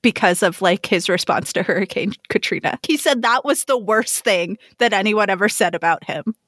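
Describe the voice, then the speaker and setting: A woman adds her wry comments to a casual conversation. Her voice has a middle pitch and a dry, close sound. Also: normal speed, a bit bright, dry recording. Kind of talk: casual chat.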